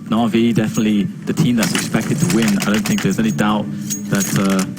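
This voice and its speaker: A man's voice: lowish voice, little pitch movement, fairly quick, over loud music. A man giving live play-by-play as an esports caster, his delivery rising with the action, over game sounds. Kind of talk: live play-by-play commentary of a shooter match. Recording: loud game audio, gunfire behind voice. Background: game gunfire and effects.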